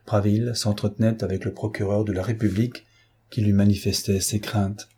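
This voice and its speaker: A man reading a novel aloud as an audiobook, in measured, grave narration. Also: fairly low pitch, little pitch movement, warm tone, husky. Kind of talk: scripted literary narration.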